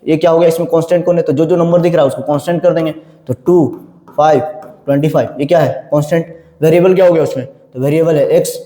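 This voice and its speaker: High-voiced male maths teacher, echoey room. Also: fairly even intonation, fast talker, dark tone. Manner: drills students with repeated questions and answers them himself; addresses viewers as children and brother. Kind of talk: classroom lecture. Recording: echoey room with long reverb.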